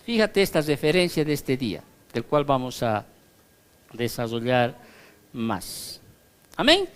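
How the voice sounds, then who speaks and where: A man's voice: medium pitch, big pitch swings, unhurried, clear, resonant tone. A male pastor teaching a Bible study in a conversational way, often checking that his listeners follow, and reading scripture aloud with emphasis.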